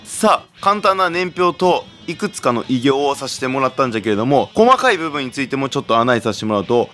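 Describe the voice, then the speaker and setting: A man's voice: medium pitch, a bit bright. A man explaining history as a channel host in the persona of a samurai warlord, with archaic wording and emphatic, theatrical delivery.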